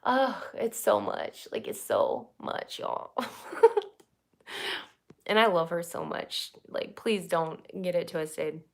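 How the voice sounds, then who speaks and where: Low-voiced woman chatting casually. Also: slow, vocal fry. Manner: rambling, swears freely, laughs often. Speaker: YouTuber. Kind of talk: casual livestream chat.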